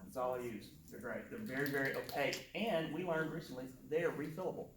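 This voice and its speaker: A man's voice: mid-range voice, animated, a little fast. A man who is a guest artist, chatting casually and with self-deprecating humor while answering audience questions at a painting demo. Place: meeting room before a seated audience. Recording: echoey room, distant mic, audience noise.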